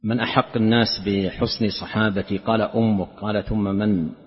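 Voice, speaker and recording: A man giving a religious lesson, explaining a narration in a measured way and often repeating or restarting words. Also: on the low side, little pitch movement. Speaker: Islamic scholar teaching a lesson. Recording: dull lo-fi lecture recording with long hall reverb.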